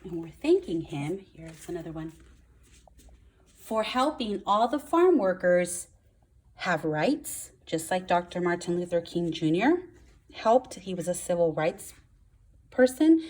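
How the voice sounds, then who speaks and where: Reading aloud to first graders, a woman explains things in simple words and stresses the key words. Her voice sits on the low side with a darkish tone.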